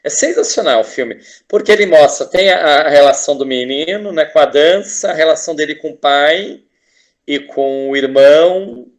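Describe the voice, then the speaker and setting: A man's voice: on the high side, normal speed. A Brazilian man, a teacher and artist, talking as a guest in a casual interview, enthusiastic and rambling with frequent restarts and tag questions.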